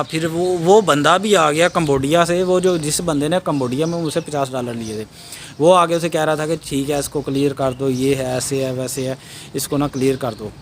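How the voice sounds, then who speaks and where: Young man, slightly high voice, casual rambling storyteller recording outdoors with loud birds and traffic. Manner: rambling, hesitant, with many fillers and restarts. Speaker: vlogger. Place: outdoors at a roadside border crossing.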